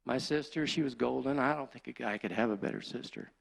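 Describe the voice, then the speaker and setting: An older deacon shares his testimony in church with a gravelly, rough-edged voice. He talks in a plain, folksy country way that turns openly emotional, at a middle pitch. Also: fast talker.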